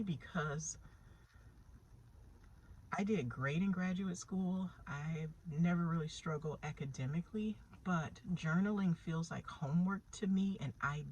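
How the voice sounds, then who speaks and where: A woman's voice: low voice, darkish tone, husky, low-quality recording. A woman telling her own story in a candid, reflective way, with small laughs and frequent restarts. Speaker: vlogger sharing her therapy story. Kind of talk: personal storytelling.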